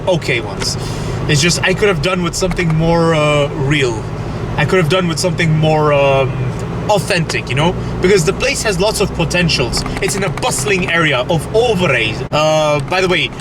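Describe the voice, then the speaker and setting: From the driver's seat, a young Belgian food vlogger speaks to viewers through a dashboard camera in a casual, chatty way, hesitating and restarting a lot. His fairly high voice is animated and moves at a normal speed, with road and car noise behind him.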